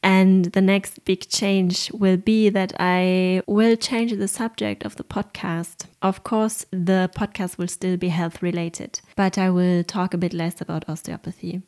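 A woman's voice: on the low side, level tone, a little slow, few pauses, a little mellow. German-accented woman hosting a podcast. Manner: earnest, open, occasional light laughs. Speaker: podcast host and osteopath. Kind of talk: personal podcast monologue.

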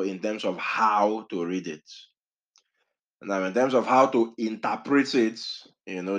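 Male Bible teacher, low voice, chatty and digressive delivery. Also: fairly bright tone. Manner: conversational, self-correcting, digressive.

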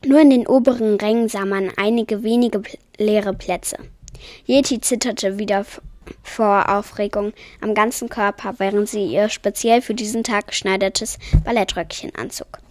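A woman reading a children's story aloud with calm, soft-spoken narration. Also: medium pitch, normal speed, no echo. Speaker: podcast storyteller.

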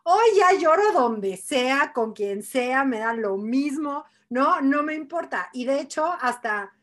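A woman podcast host, talking in a chatty, animated way and thinking aloud as she asks her guest a question. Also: high-pitched, takes it slowly. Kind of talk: casual chat.

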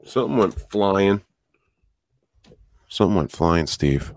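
A man with a deep voice hosting a podcast in casual, profane, drawling banter into a studio microphone. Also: animated, slow, a little mellow, a little hiss or hum. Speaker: podcast host.

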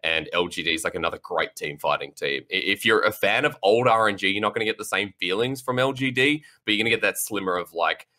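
A man with a low, deep voice that has a forceful, bright edge. He talks in casual panel chat as an esports analyst, rambling through long takes with lots of fillers and restarts. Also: fast talker, few pauses. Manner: rambling, filler-heavy, apologizes for ranting.

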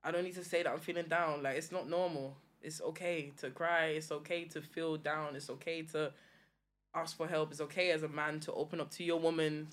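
A woman's voice: low-pitched, fairly even intonation, fairly quick. Podcast guest: young woman, London accent, casual, opinionated, earnest, slang-heavy conversation. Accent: British, London. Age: young adult.

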